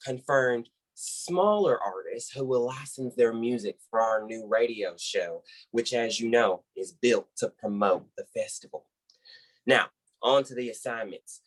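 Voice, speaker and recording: In a comedy web series, a man acts out a folksy American boss running a team call, rambling effusively and upbeat, heaping praise while handing out orders. His mid-range voice is unhurried and fairly bright, on a rough recording.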